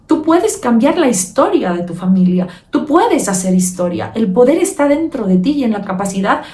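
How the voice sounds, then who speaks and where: A woman with a fairly high voice hosts a motivational podcast with emphatic, heartfelt delivery. She sits a bit back from the mic in a roomy, echoey space. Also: big pitch swings, normal speed, darkish tone, far from the mic. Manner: emphatic, addresses listener as "mi amor". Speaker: podcast host.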